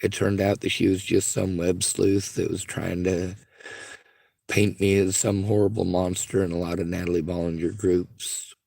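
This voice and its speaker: Man, caller, squeaky strained voice, gravelly, muted tone, aggrieved, earnest complaint. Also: little pitch movement, moderate pace, darkish tone, no room sound. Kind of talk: distressed phone complaint.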